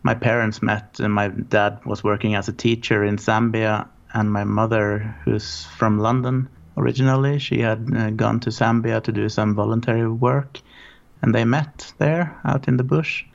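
Man from Norway, 40s, gravelly, flat low delivery, rambling guest on a dull call line. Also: moderate pace. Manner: relaxed, rambling storytelling. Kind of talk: casual interview.

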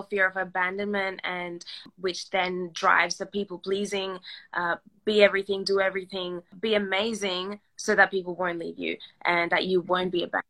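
A young Australian woman, a podcast guest, talking in a reflective, soft-spoken way. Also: mid-range voice. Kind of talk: casual chat.

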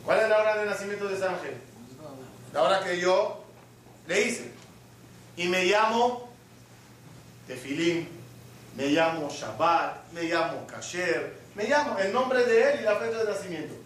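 High-voiced rabbi preaching in an echoey hall. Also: male voice, animated, measured pace, pauses often, a bit bright, distant mic, slight background noise. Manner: asks the audience questions and acts out little scenes. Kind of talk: sermon. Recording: echoey hall, mic from afar.

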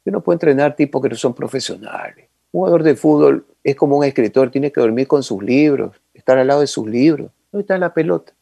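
A man's voice: mid-range voice, animated, fast talker, vocal fry, warm tone, dry recording. A man telling a story voices a demanding male football coach who lectures his players. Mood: lecturing. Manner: lecturing, scolding.

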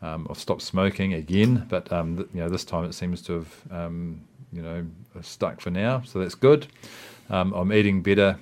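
Low-voiced New Zealand man, hesitant and reflective. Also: normal speed, few pauses, darkish tone. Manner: hesitant, rambling, reflective, with frequent "you know" and "I mean". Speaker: interview guest. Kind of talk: casual personal interview.

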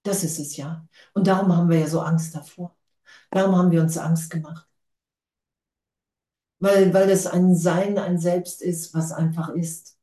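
A woman's voice: lowish voice, fairly even intonation, measured pace, warm tone, echoey room. A woman giving a spiritual talk to a group, casual and enthusiastic, laughing often. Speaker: spiritual teacher.

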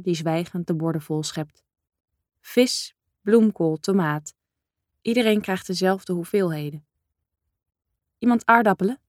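A woman reading a first-person novel aloud in a calm, measured, introspective way. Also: fairly low pitch, no room sound, clean studio sound. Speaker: audiobook narrator. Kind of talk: first-person literary narration.

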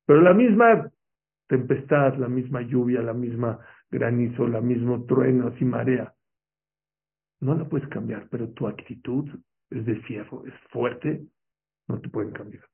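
A man delivers a motivational religious talk, pressing his listeners with rhetorical questions. His voice has a gravelly, rough edge. The sound is thin and narrow, like a phone line. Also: medium pitch, steady tone, measured pace. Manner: emphatic, asks the audience rhetorical questions. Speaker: motivational speaker. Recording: tinny, phone-like lo-fi recording.

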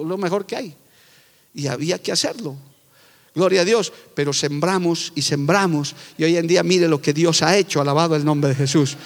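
Man, pastor, high voice, fervent sermon, loud then hushed, long church reverb. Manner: fervent preaching, swinging from loud proclamations to quiet confiding. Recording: echoey church hall.

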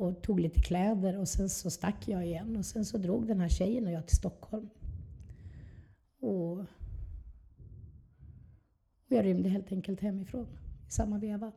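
A woman's voice: medium pitch, fairly even intonation, vocal fry, pauses often, warm tone, breathy edge. A woman, telling her personal story candidly and reflectively as an interview guest. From southern Sweden.

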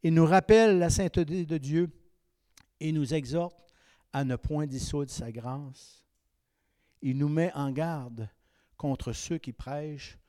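In a studio-quality recording without room sound, a mid-range-voiced man in his fifties preaches with a Québécois French accent, alternating between raised exhortation and quiet, intimate asides.

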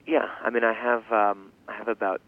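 A young man with a fairly low voice answers interview questions casually. He speaks haltingly, working out his thoughts aloud and circling back over words. The sound is narrow and thin, like a telephone line. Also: little pitch movement, no echo. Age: 20s. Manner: halting, thinking aloud with restarts and repeated words. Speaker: interview guest, farm founder and language teacher.

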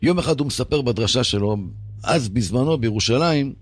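A man giving an animated religious talk on radio, telling stories with emphatic repetition. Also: medium pitch, breathy edge, dry recording. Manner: animated, emphatic, repeats for stress. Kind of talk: preaching talk with storytelling.

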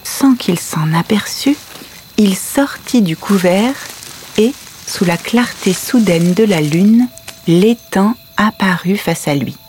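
Slow, tender storytelling mother played by a woman. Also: medium pitch, a little mellow, slight background noise, close to an everyday voice. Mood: hushed wonder. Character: patient, tender mother telling her children a fairy tale. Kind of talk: audio story, bedtime storytelling.

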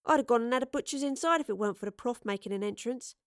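A woman's voice: fairly high pitch, very fast, dry recording, studio quality, pitched above the performer's own voice, lightly acted. A woman doing a chirpy Cockney young woman. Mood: smug. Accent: London Cockney. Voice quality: bright, chirpy, slangy.

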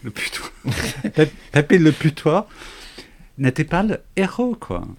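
Gravelly man with an English accent. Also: on the high side, a little slow, a little hiss or hum. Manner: animated, jokey, searching for French words. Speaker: podcast guest. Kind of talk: casual podcast discussion.

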